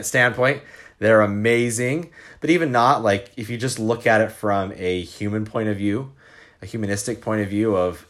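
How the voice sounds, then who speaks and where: Very deep-voiced man musing casually. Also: a bit bright. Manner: loose and conversational, frequent "right?" and "like". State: hiccuping. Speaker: host. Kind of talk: casual reflective monologue.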